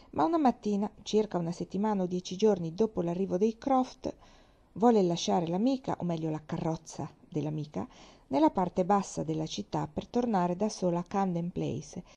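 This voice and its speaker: A woman narrating a classic novel as an audiobook reader, in a measured storytelling manner. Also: fairly low pitch, vocal fry, warm tone.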